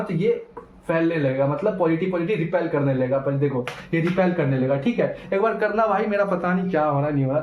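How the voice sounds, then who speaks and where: Man, physics teacher, classroom lecture, slightly high voice, echoey room. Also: darkish tone. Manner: repetitive, asks students questions. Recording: echoey room, muffled lo-fi, faint noise.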